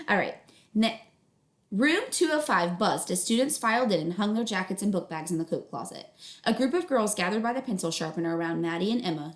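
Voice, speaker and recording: Reading aloud to children in an echoey room, a medium-pitched woman takes an instructional approach. She pauses to explain parts of the story, checks whether the listeners understand, and affirms what they answer.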